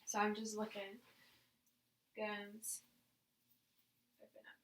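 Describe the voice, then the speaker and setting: A woman's voice: medium pitch, completely flat delivery, slow, a bit bright, slight background noise, poor audio. A woman demonstrating a clinical exam, informally explaining each step and giving instructions to her patient. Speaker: examiner demonstrating a nursing head assessment on a patient.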